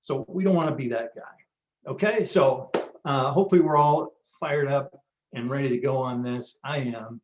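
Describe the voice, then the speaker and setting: A man's voice: mid-range voice, moderate pace, darkish tone, slight background noise. Fired-up man giving a motivational workshop. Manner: motivational, pep-talk delivery with frequent ums. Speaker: marketing workshop host. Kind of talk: live online workshop presentation. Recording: roomy, dull lo-fi sound.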